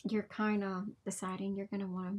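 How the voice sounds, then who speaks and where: A woman's voice: mid-range voice, fairly quick, slight background noise. A middle-aged woman, hosting a podcast and telling an emotional story. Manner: animated storyteller, emotional and laughing. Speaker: podcast host. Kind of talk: casual heartfelt chat.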